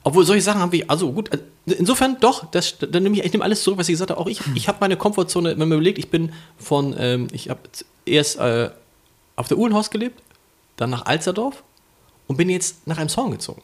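Husky-voiced man telling stories casually. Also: sits high, fast. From Hamburg area, Germany. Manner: animated storyteller acting out quoted voices. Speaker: podcast co-host. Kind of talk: casual chat.

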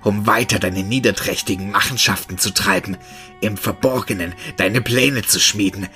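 A man's voice: lowish voice, normal speed, pushed and bright, faint music behind. A man voicing a monstrous, paranoid old man who bellows accusations in a distorted voice. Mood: paranoid accusing.

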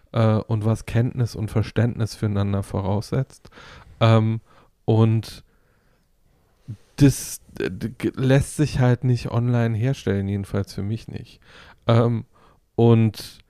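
A man with an average-pitched, mellow voice reflects in a casual podcast conversation. He searches for his words and repeats the openings of his phrases. The sound is dry and close. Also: no echo. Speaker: podcast host.

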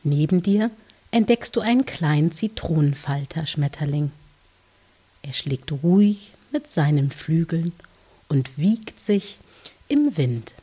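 A woman softly narrating a guided dream journey for children in a gentle, soothing, hushed voice, with long pauses and a scripted, meditative delivery. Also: low voice, sing-song. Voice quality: soft, breathy, hushed, at times near whisper.

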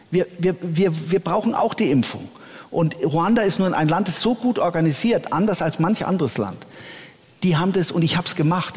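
Earnest church leader in a reverberant room. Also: male voice, on the high side. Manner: earnest, with frequent hesitations. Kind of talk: interview answers. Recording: long reverb.

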